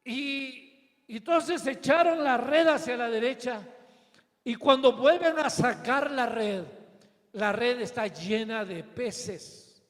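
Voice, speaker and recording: A man with a Mexican Spanish accent preaching a sermon as pastor, telling the story dramatically, rising to shouts and sinking to soft tones. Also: very high voice, slow pace. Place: church. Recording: long church hall reverb.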